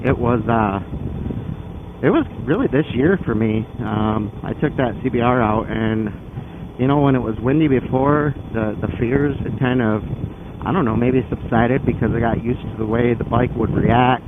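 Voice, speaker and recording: A male motorcycle vlogger explains things casually while riding, talking in a conversational, loosely rambling way at a moderate pace with a mid-pitched voice. The audio is tinny and phone-like, with loud wind, engine and outdoor noise clearly audible.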